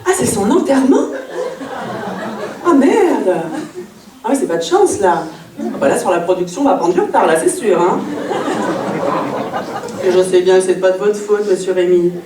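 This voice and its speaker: A woman doing a one-woman comedy monologue in character as an HR employee, chatty and breezy with mock-innocent sarcasm, her voice jumping high when she addresses people. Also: animated, fairly quick, long pauses, recorded from a distance, a crowd in the background. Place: theatre stage before a live audience. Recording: echoey room from afar, audience noise.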